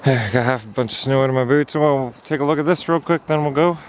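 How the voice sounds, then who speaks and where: A man's voice: medium pitch, fast, slight background noise. A man narrating a casual hiking vlog outdoors on a snowy trail, chatty and at times out of breath. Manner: chatty, talking while hiking, sometimes out of breath. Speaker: vlogger.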